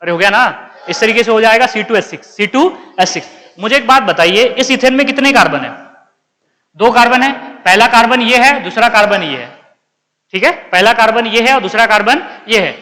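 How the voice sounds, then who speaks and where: Male chemistry teacher, slight lilt, high and bright, drills students with call-and-answer questions; echoey classroom with long reverb. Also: lively intonation, brisk. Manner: calls students beta, asks and answers own questions. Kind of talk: classroom lecture.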